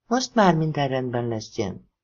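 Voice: medium pitch, big pitch swings, muffled recording. A narrator voicing a kind, smiling pregnant woman with a slight foreign accent, in an audiobook reading. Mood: kindly. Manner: soft and kindly.

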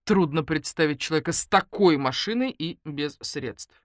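Expressive woman reading an audiobook. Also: low-pitched, normal speed, no room sound, studio quality. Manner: lively, character-voicing, ironic. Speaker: audiobook narrator.

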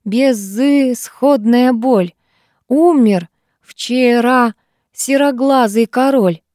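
A woman voicing a cheeky teenage schoolboy who declaims loudly and theatrically, playing the class clown. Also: on the high side, extremely slow, no room sound, studio quality, pitched above the performer's own voice.

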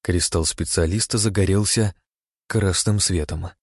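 A man narrating a first-person story in a steady, calm way, close to the mic. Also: deep voice, a little slow, slightly rough, no room sound. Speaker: audiobook narrator.

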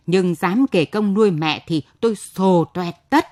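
A woman reading the part of a proud, angry middle-aged man who speaks forcefully and bitterly to his sister-in-law in a radio story. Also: fairly low pitch, unhurried, no room sound, clean studio sound, close to an everyday voice.

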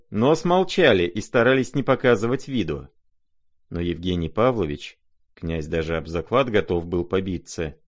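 A man narrating a classic novel as an audiobook, measured and expressive. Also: fairly low pitch.

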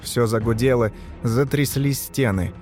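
A man reading a story aloud in measured, scripted narration. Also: medium pitch, darkish tone, soft background music. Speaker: audiobook narrator.

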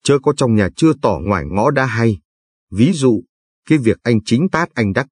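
A man's voice: mid-range voice, expressive, normal speed, a little mellow, husky, dry recording, clean studio sound. A man voicing a stern, cautious male revolutionary leader who speaks firmly and admonishes. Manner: firm, admonishing.

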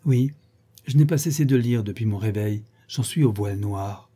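Brief: a man playing a wide-eyed teenage girl in a storybook, soft-spoken, dark husky tone. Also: lowish voice, moderate pace. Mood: earnest. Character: naive, earnest seventeen-year-old girl. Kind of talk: audiobook reading.

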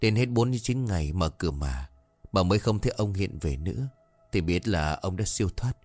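A man voicing a calm, wise old grandmother who reassures and explains gently. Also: deep voice, fairly quick, no room sound, faint music behind. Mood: soothing.

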